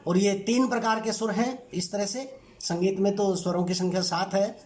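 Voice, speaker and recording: A man teaching a lesson on language sounds, speaking in measured, deliberate short phrases with pauses. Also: sits high, darkish tone, a little hiss or hum. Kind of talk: explanatory lecture.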